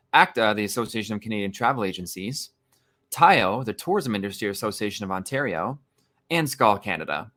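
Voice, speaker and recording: A man's voice: mid-range voice, fairly bright tone. A man hosting a live webinar, reading an upbeat scripted introduction and sponsor announcements. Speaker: webinar host.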